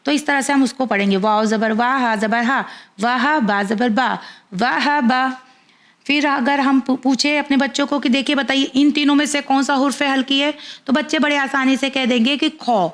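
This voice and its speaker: A woman's voice: high-pitched, steady tone, moderate pace, fairly bright tone. A woman teaching Quran reading to parents, patiently sounding out syllables one by one. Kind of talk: slow spelled-out letter-by-letter instruction.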